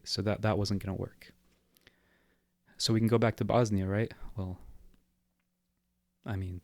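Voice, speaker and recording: Low, flat-voiced young man. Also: no room sound. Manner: reflective, steady, explanatory. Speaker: guest. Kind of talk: casual interview talk.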